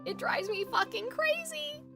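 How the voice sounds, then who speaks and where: With music playing behind her, a female game streamer talks in a very high, animated, creaky voice at a slightly slow pace. Her chat with viewers is casual, rambling, opinionated and informal, and her voice sounds a bit congested and phlegmy.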